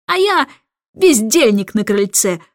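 A woman's voice: on the high side, big pitch swings, takes it slowly, no room sound, clean studio sound. A woman voicing a cheeky, carefree male idler who becomes a jester.

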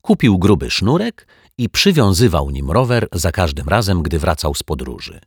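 A man reads a children's story aloud with lively, expressive swings in his delivery. His voice is deep and husky, and the recording is dry and close, with no room around it. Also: moderate pace, no echo. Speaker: audiobook narrator.

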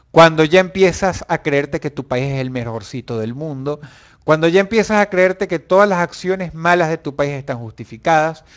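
A man chats casually and loosely with his viewers. His voice sits a little high and swings widely in pitch as he talks. He is animated and profane, and bursts into shouts. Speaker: online show host. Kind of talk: casual live chat with viewers.

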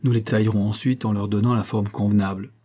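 A jovial, theatrical male opera singer, read by a man, lively and commanding in his talk. The voice sits low and dark, with a husky edge. The delivery is expansive and bright with enthusiasm. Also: fast, lightly acted.

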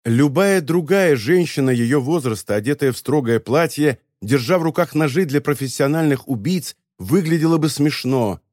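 A man's voice: fairly high pitch, expressive, moderate pace, few pauses, a little mellow, no echo. Man narrating an audiobook, dry close sound. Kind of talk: scripted narration.

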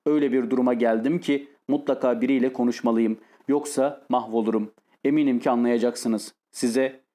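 A man voicing a tormented, lonely, nervous man who speaks in a halting, pained way in an audiobook. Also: mid-range voice, warm tone, natural voice.

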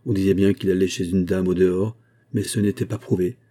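Deep dark-voiced male narrator. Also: little pitch movement, fairly quick. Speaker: audiobook narrator. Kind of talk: literary audiobook narration.

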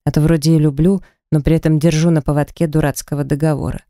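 A blunt friend lays out hard truths in a scolding tone, as a man reads him. The voice is mellow and smooth, dry and close-miked. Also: fairly high pitch, level tone, fast, dry recording, close to an everyday voice. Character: blunt male best friend, scolding and frank.

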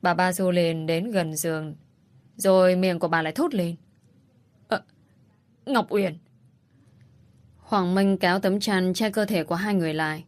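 A woman narrating a family-drama audiobook in a steady, dramatic storytelling manner. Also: fairly low pitch, a little fast. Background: faint music.

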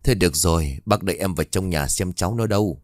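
A man's voice: sits low, fast talker, dry recording, studio quality, lightly acted. A man voicing a puzzled village father. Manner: puzzled, questioning.

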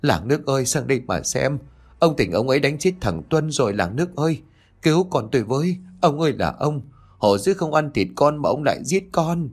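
A man's voice: medium pitch, big pitch swings, a little fast, husky, voice pushed up. A man voicing a grieving village mother who wails and cries out for help in a spoken ghost story. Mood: wailing. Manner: wailing, crying out.

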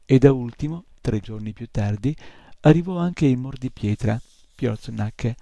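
A man reads a fantasy novel aloud at a measured storytelling pace. His voice is deep in color, very dark and noticeably gravelly. The recording is dry, with no room sound. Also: no room sound. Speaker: reader of a novel. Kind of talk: audiobook reading.

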